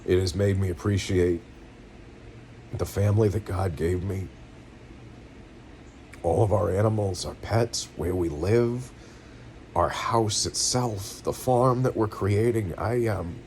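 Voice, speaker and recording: A middle-aged vlogger with a New England accent and a low, deep, darkish voice sits at home venting his emotions, weary, in pain and close to tears. His earnest speech is halting and rambling, full of restarts. A faint hum of noise runs underneath.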